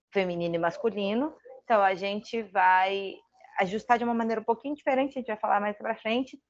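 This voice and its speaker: A woman with a Brazilian Portuguese accent teaches English in a relaxed, chatty way. She thinks aloud and makes self-deprecating asides. Her voice sits at a medium pitch on a slightly dull, lo-fi recording. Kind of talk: casual online lesson.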